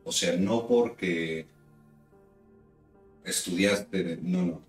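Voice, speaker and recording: A man's voice: low-pitched, very slow, far from the mic. A man as host, commenting reflectively and backing up his guest in casual conversation. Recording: echoey room, away from the mic, faint music.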